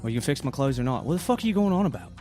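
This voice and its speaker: A man's voice: mid-range voice, very animated, very fast, a little mellow, faint music behind. A man playing a tabletop role-playing game, talking casually in and out of character in a blunt, sweary way.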